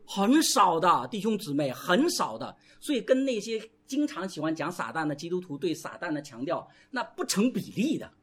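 A male pastor preaching a sermon, animated and calling out to the congregation for responses. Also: high voice, moderate pace, few pauses, slightly rough.

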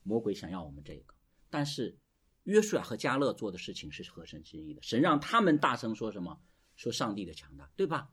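A male preacher giving an animated sermon, calling questions out to the congregation and drawing answers back. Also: on the low side, brisk, husky.

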